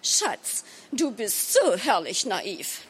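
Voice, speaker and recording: A woman's voice: a little high, wildly swooping pitch, slow pace, pitched above the performer's own voice, exaggerated voice. A woman voicing a cool, teasing wife. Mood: amused. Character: teasing, self-assured wife of the narrator.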